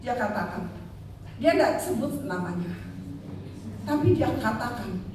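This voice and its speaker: The voice of an older woman evangelist is fairly high, sing-song, a little slow, and a little mellow as she emphatically preaches a Christmas sermon with personal testimony, addressing the congregation as "saudara." It's captured from far off in an echoey church hall, with faint ambience and a little hiss or hum.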